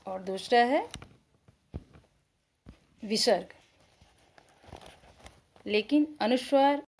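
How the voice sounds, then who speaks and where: A woman teacher gives a lesson to young children, speaking slowly and carefully. She pronounces each sound distinctly, asks the class questions and answers them herself. Her voice sits at a medium pitch. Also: a little mellow. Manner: slow, spelled-out pronunciation.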